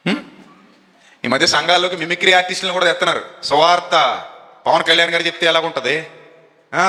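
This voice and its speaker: Male preacher, high and sharp-toned, quizzing his congregation mid-sermon; echoing church hall. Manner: fires questions at the congregation and has them answer. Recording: echoey hall reverb.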